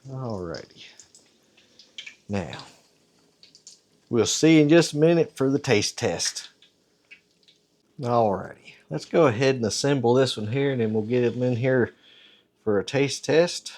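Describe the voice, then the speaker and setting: A man's voice: mid-range voice, unhurried, pauses often, darkish tone. Man, folksy and down-to-earth, casual home cooking talk, kitchen. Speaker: home cook host.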